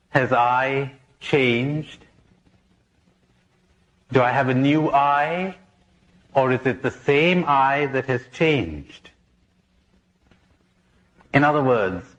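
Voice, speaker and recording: A man's voice: mid-range voice, fairly bright tone, muffled recording. A man, a priest, giving a spiritual conference talk, posing questions and repeating key words for emphasis, with jokes woven in.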